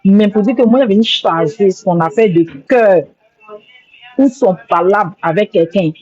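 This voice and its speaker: A woman's voice: mid-range voice, normal speed, a little mellow, dry recording. A woman speaking on a live stream, rambling and repeating herself as she apologizes with emotion. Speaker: social media livestreamer. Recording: dull lo-fi phone audio.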